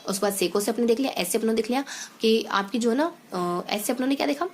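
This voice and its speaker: A woman's voice: fairly high pitch, expressive, fast, a little hiss or hum. A young woman teacher speaking English words, explaining exam material through mnemonics and often correcting herself. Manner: explains with mnemonics, repeats points, many self-corrections. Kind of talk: exam-prep lecture.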